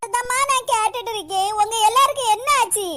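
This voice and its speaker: A woman's voice: very high-pitched, a little fast, heavy background noise. A woman voicing a whiny, dim married daughter in a cartoon, with a Kanyakumari Tamil accent. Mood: whining. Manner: whining, complaining.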